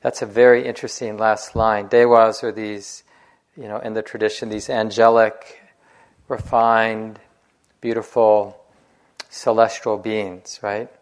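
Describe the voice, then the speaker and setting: A man, a meditation teacher, giving a dharma talk in a relaxed, conversational storytelling way with light laughs. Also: on the low side, unhurried, clean tone.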